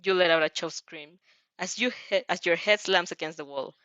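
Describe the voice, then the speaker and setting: Reading fan fiction aloud, a woman tells a second-person story in a dramatic, emotive manner, reacting as she goes. Her voice is lowish and fairly bright, at a moderate pace, and the lo-fi recording has no echo.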